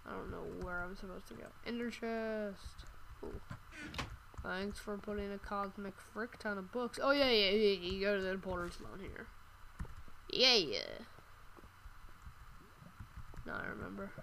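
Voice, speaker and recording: A woman's voice: medium pitch, a bit bright, slight background noise, rough recording. A woman giving casual let's-play commentary, groggy from just waking up, rambling and offhand with casual swearing. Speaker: gameplay commentator.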